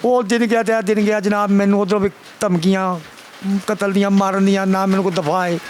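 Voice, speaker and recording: An older father with a Pakistani Punjabi accent makes a complaint to a reporter, his emotional account pleading and repetitive, often addressing the listener as sir. His voice is high-pitched, flat, and brisk. There's a little hiss or hum in the audio.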